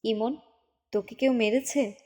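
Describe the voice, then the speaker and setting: A woman's voice: on the high side, fairly even intonation, a little slow, darkish tone. A woman voicing an earnest young uncle who pleads firmly with his sister-in-law in an audiobook. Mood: grave. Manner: pleading yet firm.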